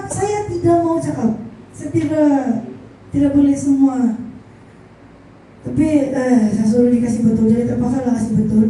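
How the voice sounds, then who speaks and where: A woman giving a halting, earnest personal testimony at a church service, slowing down to stress her words. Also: sits high, mellow. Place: large echoey church hall. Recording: echoey hall from far off, faint noise.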